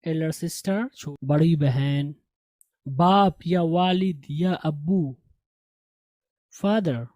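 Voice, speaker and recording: A man's voice: a little high, extremely slow, a little mellow, dry recording, dull audio. A man teaching English vocabulary in a lesson, repeating each word and correcting common mispronunciations. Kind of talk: language lesson.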